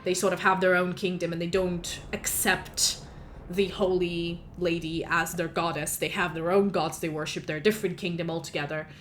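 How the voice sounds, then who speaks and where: A woman's voice: on the low side, flat delivery, normal speed, soft background music. A woman narrating as game master, rambling through lore with lots of fillers.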